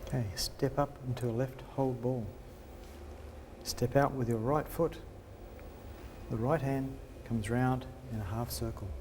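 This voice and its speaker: A man's voice: medium pitch, fairly even intonation, unhurried, background noise. A man instructor gives simple, direct tai chi cues, walking through movements step by step.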